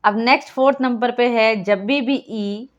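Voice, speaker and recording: A woman's voice: fairly high pitch, unhurried, lo-fi sound. A woman teaching a phonics lesson, patiently explaining and repeating each rule and quizzing the viewer.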